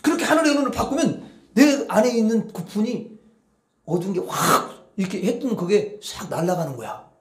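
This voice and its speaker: A high-voiced male pastor preaches with lots of pitch movement, dropping to near-whispers and then rising to loud outbursts. He keeps calling on the congregation to answer him. The sound carries the echo of a church sanctuary. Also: normal speed. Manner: animated preaching, swinging between hushed murmurs and loud outbursts; coaxes the congregation with call-and-response. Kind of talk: sermon. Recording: echoey church hall.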